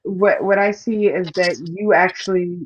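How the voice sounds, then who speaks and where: A woman calling into a live stream and giving frank, unhurried advice with many fillers. Her call audio is staticky and keeps cutting in and out. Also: lowish voice, steady tone, slight background noise. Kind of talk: casual advice to the host. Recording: dull, staticky call line.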